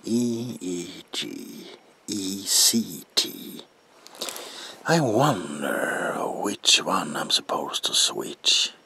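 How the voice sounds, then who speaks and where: A man playing a manic, sinister comic-book villain as examiner in a whispered ASMR roleplay, with a gravelly, breathy voice and theatrical, unhinged delivery. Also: low voice, big pitch swings, sharp tone, heavily acted. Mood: playfully menacing. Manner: theatrical, drawn-out words with unhinged swings.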